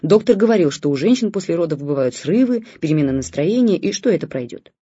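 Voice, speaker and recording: A reader giving calm, even scripted audiobook narration, in a dull lo-fi recording. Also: mid-range voice, fast, husky, no room sound.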